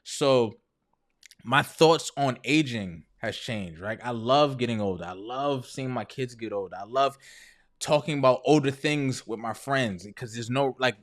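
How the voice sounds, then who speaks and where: Here an entrepreneur in his thirties hosts a video and tells viewers a personal story in a candid, casual way. He speaks unhurriedly in a mid-range voice, often checking in with phrases like "right?" and "you know".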